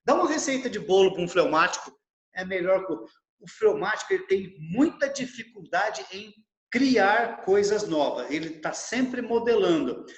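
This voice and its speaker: Male lecturer, middle-aged, high voice, roomy video-call echo, animated and given to acting out examples. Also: moderate pace, muffled recording. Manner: animated, acts out little dialogues in his examples. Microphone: video call microphone.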